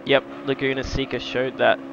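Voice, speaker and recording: This live-streaming man from New South Wales, Australia, talks at normal speed in a monotone, his medium-pitched voice gravelly and the sound lo-fi. Loud racing game music and engine noise run in the background. His chat is casual, blokey and peppered with slang and mild swearing.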